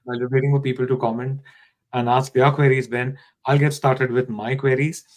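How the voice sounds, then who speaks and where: A man's voice: medium pitch, flat delivery, a little fast, low-quality recording. A man hosting a live online session, welcoming viewers and reading out their comments over a video call. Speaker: live-stream host.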